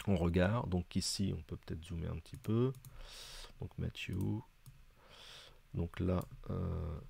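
Man, hesitant casual reviewer, dark mellow voice, deep and low. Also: creaky, slightly rough, no room sound. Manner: hesitant, many fillers, chatty asides. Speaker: video presenter reviewing books.

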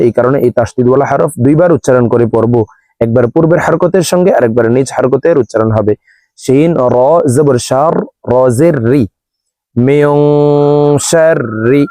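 Man, recitation teacher, spells letters slowly, mellow voice, dry close mic. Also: mid-range voice, no echo. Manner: spells out letters and vowel marks slowly, then chants the verse drawn out. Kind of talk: step-by-step recitation lesson.

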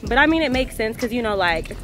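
A woman's voice: fairly high pitch, lively intonation, fast, over music. An American woman in her twenties chatting casually to a handheld camera outdoors at the beach. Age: 20s. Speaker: vlogger. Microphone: handheld camera at arm's length.

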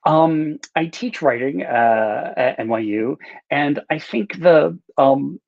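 A middle-aged man, an author and writing teacher, answers interview questions over a video call from a small, book-lined room. His fairly high voice has lively intonation, vocal fry and a slow pace; he rambles casually and pokes fun at himself. The audio is dull, lo-fi and echo-free.

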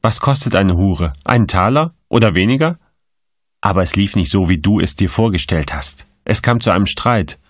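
A man voicing a stern male magistrate who questions in a firm, cold, measured way. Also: sits low, lively intonation, dry recording, studio quality.

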